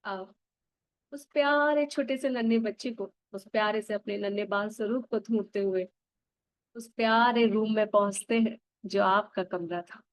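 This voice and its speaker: Soft-spoken woman guiding a meditation. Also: medium pitch, no room sound. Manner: soft, slow and gentle, addressing the listener directly. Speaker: meditation guide. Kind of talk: guided inner child meditation.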